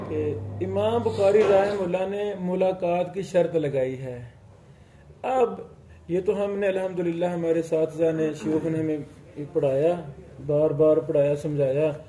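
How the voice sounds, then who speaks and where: A man with a high, mellow voice lectures a classroom at an unhurried pace. He explains point by point, recites classical Arabic passages, and keeps asking his students whether they follow. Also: slight background noise. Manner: explains slowly, often checks students' understanding with questions. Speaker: teacher of hadith studies.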